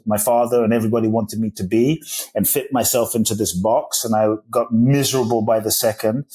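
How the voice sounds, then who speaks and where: A man's voice: medium pitch, darkish tone. A man in his forties, born in Ghana and raised in London, telling his life story as a podcast guest in an earnest, reflective way. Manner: earnest, spiritual storyteller with many restarts. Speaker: podcast guest, author and speaker.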